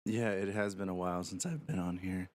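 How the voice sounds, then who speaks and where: A man's voice: sits low, fairly even intonation, fairly quick. A man casually commentating a live game stream, rambling and thinking aloud as he talks to his viewers.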